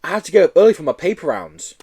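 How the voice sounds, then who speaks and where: Brief: man putting on a frightened schoolboy, high and pleading. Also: very animated, very fast, dark tone, slightly rough. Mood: scared pleading. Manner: whimpering, squealing, protesting.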